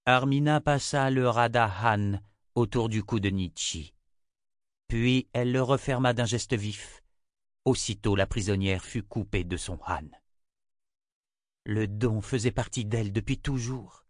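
A man narrating a dark fantasy audiobook in steady, measured storytelling. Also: medium pitch, no room sound, clean studio sound. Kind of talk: scripted narration.

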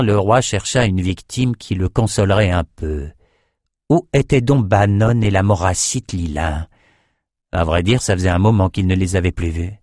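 A man narrating an audiobook in a measured, dramatic reading style. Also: fairly low pitch, a little mellow, no echo, studio quality. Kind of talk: scripted narration.

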